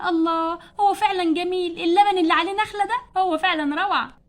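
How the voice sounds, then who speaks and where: A shopping-mad wife doll from a doll play story, pleading and scolding her stingy husband. Her Egyptian Arabic comes very high and very fast. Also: fairly even intonation. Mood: bickering. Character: spendthrift wife doll who loves dresses.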